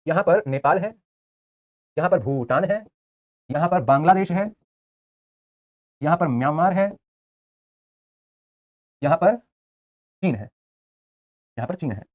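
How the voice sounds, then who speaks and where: A man's voice: fairly high pitch, expressive, unhurried, pauses often, dull audio. A young man teaching a live online class, chatty, joking between facts and repeating answers for students.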